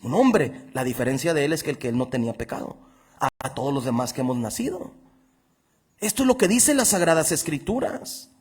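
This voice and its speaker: A man with a high, husky voice delivers a sermon. He is middle-aged, emphatic and insistent, and he slows down to read scripture with weight on each phrase. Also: sing-song, a little mellow. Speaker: preacher.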